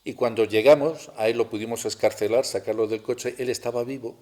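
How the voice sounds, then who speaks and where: A middle-aged man telling a personal story in a talk at a spiritual center, halting and restarting as he goes. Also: mid-range voice, steady tone, darkish tone. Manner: halting, with many restarts and rhetorical tags.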